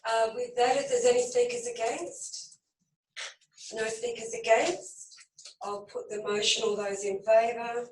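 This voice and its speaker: Croaky aussie lady mayor running thru agenda items, bit far off the mic, roomy sound, faint hiss. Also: fairly high pitch, flat delivery, a little mellow. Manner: procedural, brisk agenda reading. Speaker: mayor chairing a council meeting. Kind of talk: formal meeting chairing. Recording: echoey room from a distance.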